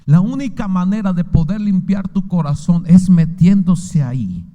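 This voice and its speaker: A man's voice: high voice, animated, moderate pace, warm tone, highs cut off. A man with a Mexican accent preaching a sermon as pastor, firing rhetorical questions at his listeners with fervor. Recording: long hall reverb.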